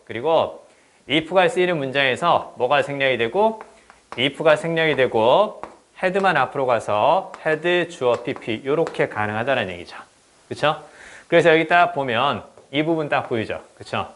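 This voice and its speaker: A man teaching an exam-prep English grammar lesson, often checking in with the class and reading English examples slowly. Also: fairly high pitch, slight background noise. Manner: lively, repeats "그쵸?" to check understanding.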